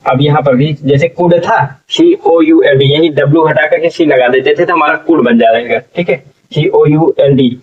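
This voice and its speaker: Man teaching english spelling letter by letter, slow and steady, mic kinda far, muffled sound. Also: fairly high pitch. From India. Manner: spells words letter by letter, often says "ठीक है". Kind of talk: slow spelling-out classroom lesson.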